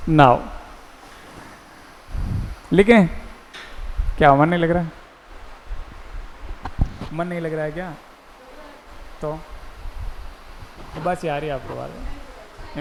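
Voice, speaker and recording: High-voiced male teacher in echoey classroom. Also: smooth. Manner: coaxing call-and-response questioning. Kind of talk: classroom lecture.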